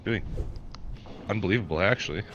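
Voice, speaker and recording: A man's voice: deep voice, a little fast, lo-fi sound, noisy background. A man chatting in a game raid over voice chat, rambling and enthusiastic with lots of "like". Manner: rambling, enthusiastic, heavy on fillers like "like". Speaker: raid member. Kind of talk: casual gaming voice chat.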